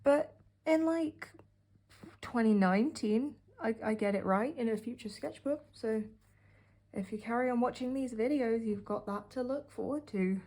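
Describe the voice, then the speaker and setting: A young British woman with a mellow, warm voice talks through her sketchbook in a rambling, offhand way. Her sarcastic asides come between plenty of fillers. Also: fairly high pitch. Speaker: art vlogger. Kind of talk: casual sketchbook tour narration.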